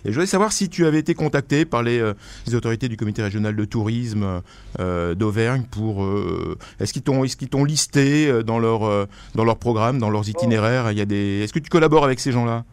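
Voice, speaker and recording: A man in his fifties asking questions in a radio studio, frank and quick when he presses a point. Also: lowish voice, a little mellow, smooth, dry recording. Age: 50s.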